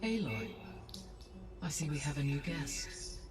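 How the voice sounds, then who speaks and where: A man playing a calm, courteous artificial intelligence in a video game, with formal, precise speech. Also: on the high side, takes it slowly. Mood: calm, analytical. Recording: game music behind.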